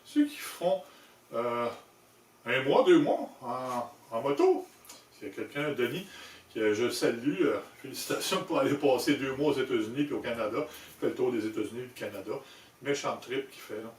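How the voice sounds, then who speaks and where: A man with a Québécois French accent giving an informal hands-on product demonstration, explaining in a halting way with self-corrections. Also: mid-range voice, lively intonation. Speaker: presenter demonstrating motorcycle gear he designed. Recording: echoey room, distant mic, handling noise.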